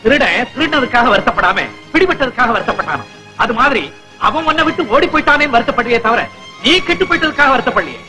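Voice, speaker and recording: A harsh, moralizing elder brother. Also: male voice, extremely high pitch, expressive, fast, bright, forceful tone, faint music behind, full character voice, poor audio. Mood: scornful. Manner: lecturing, scornful. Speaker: film actor. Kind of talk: 1970s Tamil film acting.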